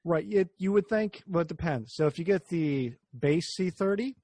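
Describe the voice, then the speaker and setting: A man's voice: a little high, normal speed, a little mellow, dry recording. A man hosting a casual car podcast, talking in a rambling, jokey way that keeps interrupting itself. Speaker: podcast host.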